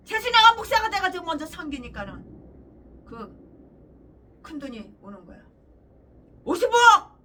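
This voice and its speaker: A woman pastor delivers a fiery sermon in an angry, scornful rant full of crude insults. Her voice is high and bright, with a sharp, piercing edge. She sounds set back from the microphone. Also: recorded from a distance. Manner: angry, scornful, profane ranting.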